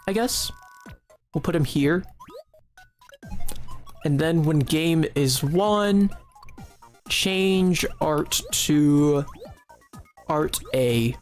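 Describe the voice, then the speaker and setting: Giggly rambling streamer chatting to chat. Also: medium pitch. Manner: giggly, rambling, often restarts mid-sentence; playful mock-serious talk to chat. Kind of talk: casual live-stream commentary while making a game.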